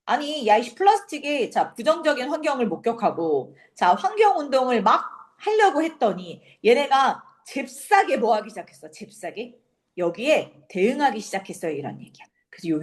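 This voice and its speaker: A woman teaching an English reading passage for a high school exam, explaining it casually and acting out quick asides and rhetorical questions. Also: very animated. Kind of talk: exam prep lecture.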